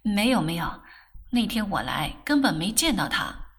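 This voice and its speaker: A woman reading a novel aloud, voicing a gentle young man who teases softly in a lowered voice. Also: big pitch swings, normal speed, breathy edge, exaggerated voice. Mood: gentle teasing.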